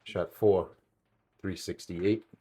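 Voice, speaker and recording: Man, New England accent, very low voice, casual test narration, chatty, rambling asides. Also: fairly even intonation, slow, heavy background noise. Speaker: channel host testing gear.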